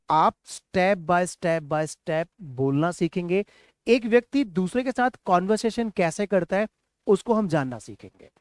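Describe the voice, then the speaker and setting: A man from India teaching a spoken English lesson. He patiently drills short words and has the class repeat them, with encouraging praise between drills. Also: high voice.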